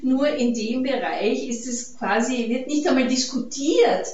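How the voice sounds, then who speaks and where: Austrian woman, higher voice, hesitant public talk, heard from afar in a muffled, echoey hall. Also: measured pace, a little mellow, far from the mic, slight background noise. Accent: Austrian German. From Carinthia, Austria. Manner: hesitant, many fillers and restarts. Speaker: speaker at a peace event. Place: event hall.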